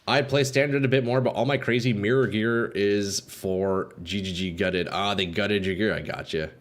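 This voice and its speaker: A man's voice: lowish voice, fairly even intonation, normal speed. A young man live streaming a video game, chatting casually with his viewers in a slangy, sweary frat-bro manner.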